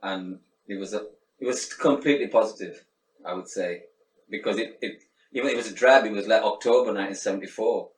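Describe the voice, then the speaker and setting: A middle-aged man from Sri Lanka speaks reflectively in a casual interview, restarting often and using many fillers. His voice is fairly low and fairly quick. The mic sits at a distance in an echoey room with faint background noise.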